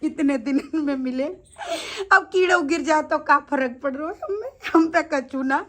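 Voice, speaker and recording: A woman's voice: very high-pitched, animated, moderate pace, sharp tone, voice pushed up, exaggerated voice. Woman putting on a giggling teasing boy god. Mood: cheeky boasting. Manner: laughing while talking, cheeky.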